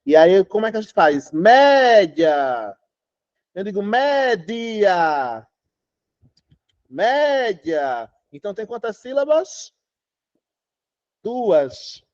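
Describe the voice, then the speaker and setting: A man's voice: high voice, big pitch swings, moderate pace, pauses often, mellow, no room sound, muffled recording. A man teaching a Portuguese class online, chatty, quizzing students and singing out syllables. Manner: chatty, asks students questions, sings out syllables.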